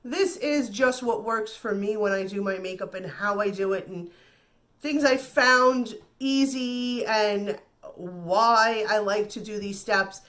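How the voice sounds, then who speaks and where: With a medium-pitched, slightly bright voice that's a little nasal from the flu she's getting over, a woman chats casually through her makeup tutorial as a beauty vlogger. She's reassuring and tends to repeat words.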